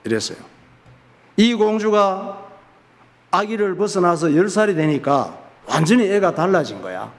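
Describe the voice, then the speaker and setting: A pastor telling a folk tale in his sermon, lively and folksy, often asking and answering his own questions. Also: high-pitched, measured pace. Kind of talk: sermon storytelling. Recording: reverberant church hall.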